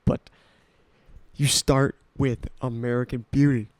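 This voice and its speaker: The young adult podcast host, age nineteen, speaks slowly at a medium pitch with little pitch movement and a darkish tone, with no room sound. Still, he's enthusiastic, rambling through a casual solo talk about music and restarting often.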